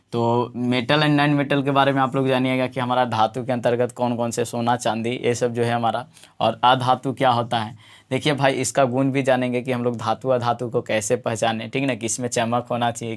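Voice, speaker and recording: A man teaching a school science class in a casual, rambling way, full of fillers and checking-in tag questions. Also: mid-range voice.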